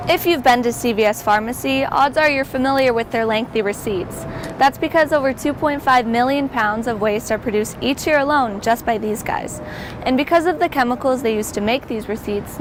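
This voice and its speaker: A young woman reporter reading scripted news narration in a measured, even cadence. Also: a little high, background noise. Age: young adult. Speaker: student reporter.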